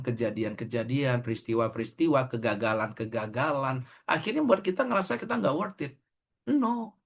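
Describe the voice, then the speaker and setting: A man's voice: mid-range voice, creaky. A middle-aged man, preaching a sermon in a conversational way, telling a story and acting out the quoted dialogue.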